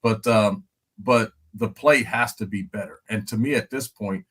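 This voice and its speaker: A man's voice: fairly low pitch, normal speed, a bit bright, breathy edge. An older man, a former lineman, talking casually and with animation, repeating himself and asking "you know what I'm saying". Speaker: guest analyst, former NFL lineman. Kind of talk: casual podcast commentary.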